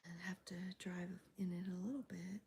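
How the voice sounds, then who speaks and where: A woman streaming live, whispering as she chats with viewers, her voice gravelly from a cold. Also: lowish voice, fairly even intonation, normal speed. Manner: soft whispering with fillers. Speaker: crochet livestreamer. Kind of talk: whispered ASMR livestream chat. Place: home, early morning.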